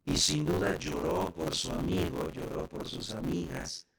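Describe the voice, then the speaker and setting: A man's voice: deep voice, sing-song, unhurried, creaky. A man preaching a sermon as pastor, speaking directly to the congregation.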